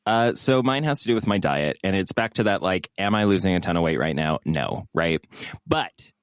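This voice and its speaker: A man's voice: deep voice, animated, moderate pace, clear, resonant tone, dry recording, clean studio sound. A man co-hosting a podcast, chatting casually in a rambling, self-mocking way with lots of fillers. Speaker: podcast co-host. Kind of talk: casual chat.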